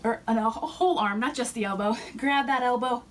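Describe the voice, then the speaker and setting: A woman's voice: on the high side, brisk. Woman fitness instructor cueing a workout. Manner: cueing moves while exercising. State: slightly out of breath. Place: fitness center. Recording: distant mic with faint room noise.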